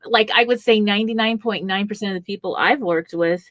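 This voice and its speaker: A woman's voice: medium pitch, a little fast, a bit bright, dry recording. A woman hosting a radio talk show, chatting with a guest and backing up what he says. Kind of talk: conversational radio interview.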